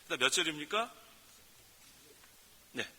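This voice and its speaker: A male pastor preaching in an emphatic, folksy way, with sudden loud exclamations. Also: fairly high pitch, animated, measured pace, in a large hall. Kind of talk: sermon. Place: prayer retreat center hall.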